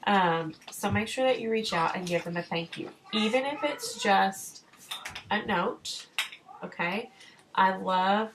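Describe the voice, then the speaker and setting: A woman in her thirties talks through her sales tips in a chatty, encouraging way, full of fillers, restarts and quick asides. Her voice sits at a middle pitch, and a faint hiss stays in the background of the home recording. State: short of breath. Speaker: direct sales consultant. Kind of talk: casual vlog advice.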